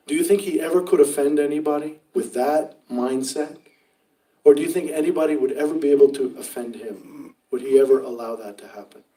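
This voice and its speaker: Far-off priest preaching casually, mellow voice. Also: male voice, on the high side. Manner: conversational, rhetorical questions, acts out quotes. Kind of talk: retreat sermon.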